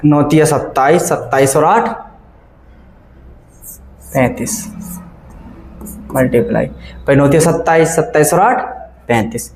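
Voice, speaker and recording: A man's voice: a little high, a little slow, long pauses, darkish tone. Man teaching math in an echoey classroom. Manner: keeps asking the class questions and checking they follow; works sums aloud step by step, repeating numbers. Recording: echoey classroom, faint background noise.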